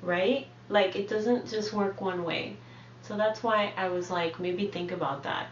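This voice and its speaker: A young woman in casual chat as a content creator, soft-spoken, hedging and full of fillers, heard in an echoey room from a distant mic. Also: medium pitch, a little slow, lo-fi sound, a little hiss or hum. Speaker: content creator on a live reality stream. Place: indoor room in a reality house.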